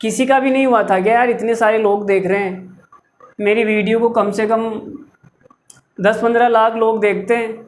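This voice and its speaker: A man's voice: high-pitched, steady tone, moderate pace. Chatty, teasing male maths teacher. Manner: chatty, teasing, talks straight to the viewers. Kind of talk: lively lecture with jokes.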